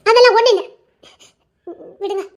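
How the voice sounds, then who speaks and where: A woman voicing a feisty young village woman who chatters rapidly, giggles and makes mock threats in an audio love drama. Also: very high-pitched, steady tone. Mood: serious.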